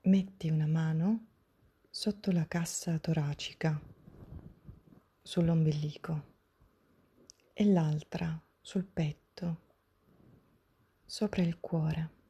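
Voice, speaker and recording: A woman softly whispering a guided breathing meditation, gentle and soothing, step by step with long pauses, in a breathy, hushed spa-like voice. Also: low-pitched, steady tone. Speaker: guided breathing and relaxation instructor.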